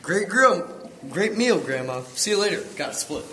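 A man's voice: sits high, big pitch swings, moderate pace, bright, forceful tone, a little hiss or hum, heavily acted, low-quality recording. A man playing a cheeky, teasing teenage grandson in an amateur church skit. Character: cheeky teenage grandson who teases his sister.

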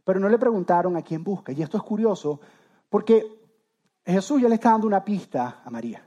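High-voiced man preaching a sermon. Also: expressive, a little fast, warm tone, highs cut off. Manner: conversational, addresses listeners directly; restarts and repeats words. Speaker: pastor.

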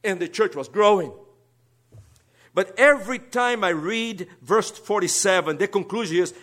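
A high-pitched man from Brazil, speaking with a Brazilian Portuguese accent, preaches as a guest; he also teaches at a seminary. His earnest sermon shifts between soft asides and emphatic rises.

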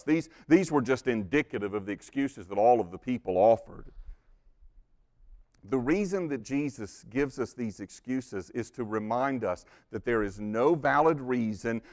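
A man preaching in a slightly high voice, telling stories with lively energy. He often stammers over the first word of a phrase and sinks to a hushed, intense tone for emphasis. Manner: animated storytelling, drops to hushed intensity for emphasis; stammers on repeated words. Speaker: pastor. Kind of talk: sermon.

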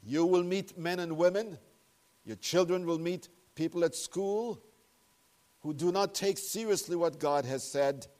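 A man leading a prayer and preaching a sermon at a pulpit microphone in a church, speaking in a measured, earnest way with solemn emphasis. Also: sits high, a little mellow. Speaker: pastor. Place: church sanctuary.

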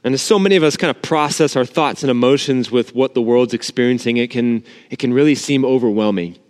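Male pastor, informal earnest sermon, empty sanctuary, cathedral echo, long reverb, mid-pitched voice. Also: a little fast, a little mellow. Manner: informal, earnest, talks directly to the congregation. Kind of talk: recorded sermon to an empty church.

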